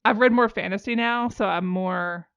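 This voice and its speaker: A woman's voice: mid-range voice, moderate pace, creaky, fairly bright tone, clean tone. A woman hosting a casual book podcast, talking animatedly and firing off incredulous questions. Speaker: podcast host. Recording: slightly dull lo-fi audio.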